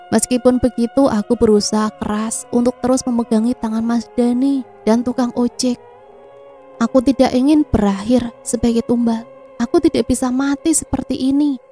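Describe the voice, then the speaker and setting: A woman narrating a first-person horror story with a steady, somber delivery. Her voice sits a little high, yet its tone is dark and mellow. Faint music plays behind her. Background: faint background music.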